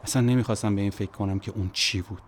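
A man telling a first-person story in a quiet, measured, brooding way. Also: lowish voice, fairly even intonation, a little hiss or hum.

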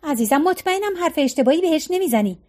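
A woman voicing a weary middle-aged mother who speaks softly and pleads gently. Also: sits high, animated, pitched above the performer's own voice. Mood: tender.

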